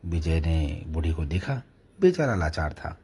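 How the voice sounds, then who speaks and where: Storyteller: deep-voiced man, very husky, steady narration. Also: a little slow.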